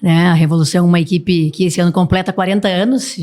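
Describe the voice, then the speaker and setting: A woman's voice: lowish voice, steady tone, quick pace, dark tone. A woman in her thirties, a team president speaking politely as a podcast guest. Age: 30s. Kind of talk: casual podcast chat.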